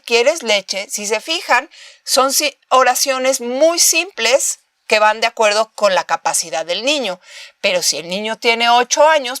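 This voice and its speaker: A woman's voice: fairly high pitch, fairly bright tone, dry recording, studio quality. A woman with a Mexican Spanish accent giving a recorded university lecture, explaining with rhetorical questions and acting out short examples of talking to babies. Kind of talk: recorded master class lecture.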